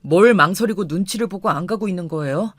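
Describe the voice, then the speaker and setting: A woman voicing a furious young husband who speaks in a low, firm, clipped way. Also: quick pace, a bit bright, dry recording. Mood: angry.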